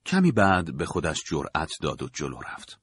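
A man narrating an audiobook in a measured, dramatic storytelling manner. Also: extremely low pitch, huge pitch swings, a bit bright, slightly rough, no room sound.

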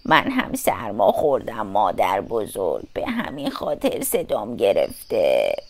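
A woman voicing a wicked, hungry male wolf in a storybook reading, speaking in a low, gruff, scheming growl. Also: wildly swooping pitch, no echo, full character voice. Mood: sham sweet.

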